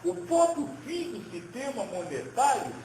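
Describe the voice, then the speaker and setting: Um médium homem transmitindo uma mensagem espiritual, falando devagar, hesitando e repetindo palavras. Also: male voice, very high-pitched, sing-song, dark tone, reverberant, a little hiss or hum, rough recording. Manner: slow, hesitant, repeats words. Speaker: spirit medium giving a message. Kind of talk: channeled spiritual teaching.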